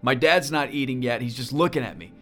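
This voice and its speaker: Man, mid-pitched voice, earnest personal storytelling, halting with repeated words, faint music underneath. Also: animated, bright, forceful tone. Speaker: speaker.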